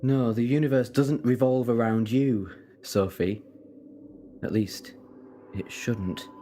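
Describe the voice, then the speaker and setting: A man acting a brooding, self-reproachful time-travelling Doctor in an audio drama, with deliberate, halting, theatrical phrasing. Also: medium pitch, fairly even intonation, warm tone, a little hiss or hum, close to an everyday voice. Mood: puzzled, brooding.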